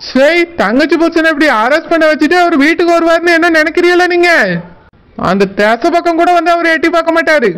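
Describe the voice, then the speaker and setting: A man's voice: very high-pitched, fast, fairly bright tone, low-quality recording. A man voicing a stern, proud middle-aged father in a cartoon, firm and resigned, with a Tirunelveli Tamil accent.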